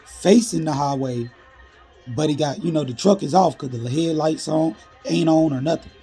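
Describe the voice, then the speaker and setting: Husky, gravelly man telling street stories. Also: fairly high pitch, normal speed, dark tone, soft background music. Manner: laid-back street slang, frequent "you know". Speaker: storyteller. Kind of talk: casual storytime narration.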